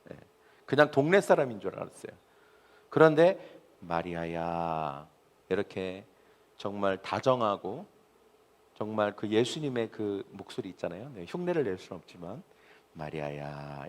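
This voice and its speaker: Male pastor, expressive preaching that acts out voices, somewhat high voice, echoing sanctuary. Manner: expressive preaching, acting out voices, calls for responses. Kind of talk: sermon. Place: church sanctuary. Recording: long reverb of a church hall.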